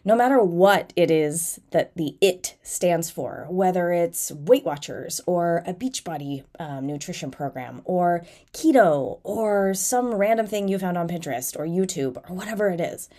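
A solo podcast host and fitness coach in her thirties speaks with a lowish, expressive, mellow voice that's nasal and congested from a head cold. She goes a little slowly with few pauses, keeping things informal, candid and self-deprecating.

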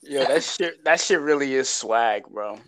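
A man's voice: medium pitch, expressive, unhurried, crowd noise. A young man co-hosting a podcast, joking around in loose slangy banter and laughing often. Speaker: podcast co-host. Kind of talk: casual chat.

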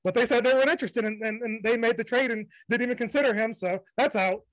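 A man's voice: very high voice, fast, a bit bright, dry recording, low-quality recording. A man hosting a sports podcast, talking bluntly and dismissively in casual chat and steering the segments. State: low energy from fasting. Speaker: podcast host.

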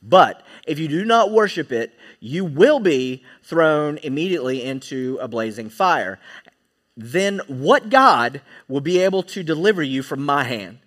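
A man's voice: fairly high pitch, big pitch swings, unhurried, a bit bright, exaggerated voice. A man voicing an angry, proud ancient king who issues threats and demands. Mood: angry threatening.

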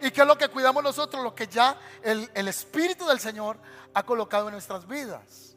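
A man's voice: extremely high pitch, a little fast, fairly bright tone. Male pastor from Colombia, emphatic preaching, long reverb and faint music behind. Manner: emphatic preaching, calls for amen. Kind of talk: sermon.

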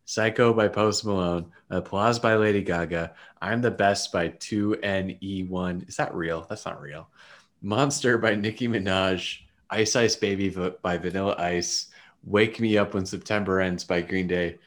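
A man with a low voice and an unhurried, drawn-out delivery hosts a casual podcast. He reads long lists of quiz answers aloud and laughs as he goes. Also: steady tone. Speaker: podcast co-host.

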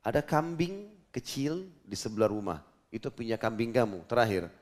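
A man's voice: sing-song, normal speed, natural voice. A male preacher voicing a thrifty, sensible young wife in a retold story, in a raised voice. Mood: practical. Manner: raised pitch and louder when voicing the wife.

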